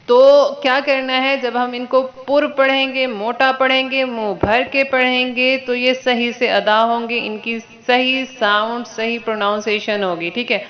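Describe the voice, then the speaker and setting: A woman teaching Quran letters to children online, drawing letters out slowly for students to repeat and checking in with them often. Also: a little high, fairly even intonation. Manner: patient, drawn-out letter recitation for repeating. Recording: dull lo-fi recording.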